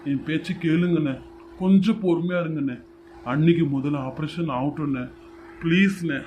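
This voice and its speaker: Man as a pleading younger brother, earnest, slightly high voice, homemade serial drama. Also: normal speed, darkish tone, slight background noise, natural voice. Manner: pleading, repeats "brother" at every line end.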